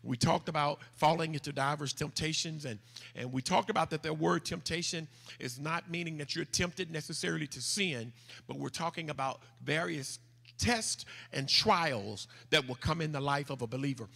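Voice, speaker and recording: A Southern US pastor in his forties preaches from a pulpit with a handheld mic, reading scripture slowly and deliberately and leading the congregation in call-and-repeat. His fairly high voice is creaky, pushed, and bright. The large church sanctuary gives long reverb, with faint music in the background.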